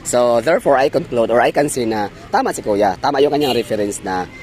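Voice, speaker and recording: A man's voice: mid-range voice, expressive, brisk, a little mellow, slight background noise. A man from Davao with a Bisaya accent, chatting casually in a vlog, rambling, correcting himself and mixing in English words. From Davao, Philippines. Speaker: travel vlogger.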